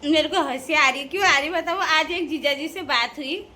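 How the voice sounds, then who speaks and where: A young woman with a high, bright voice, chatting to her viewers in a casual vlog. Her manner is playful and teasing, and she laughs often. Faint noise sits behind her. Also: moderate pace. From Uttarakhand hills. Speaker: vlogger addressing viewers.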